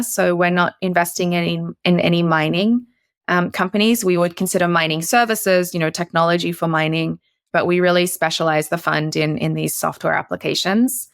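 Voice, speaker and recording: A woman's voice: lowish voice, no room sound, clean studio sound. A woman from Australia, a guest investor on a podcast interview, chatty with many fillers and restarts.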